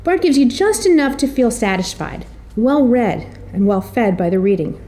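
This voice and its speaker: Here a middle-aged woman's voice sits on the high side and swings widely in pitch, at a moderate pace and with a dark tone. Her prepared introduction is full of stories, told in an articulate, wry, mildly theatrical manner.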